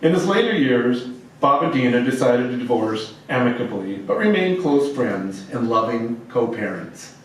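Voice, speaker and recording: A man formally reading a prepared eulogy as officiant of a memorial service, in measured, solemn phrases. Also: medium pitch, sing-song. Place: large echoey room at a gathering. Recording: echoey hall, distant mic, faint noise.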